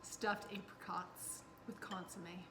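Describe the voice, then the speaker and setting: A woman's voice: lowish voice, level tone, a little slow, reverberant, noisy background. A woman co-hosting a cooking show, chatting playfully and upbeat while tasting a dish. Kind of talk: casual cooking chat.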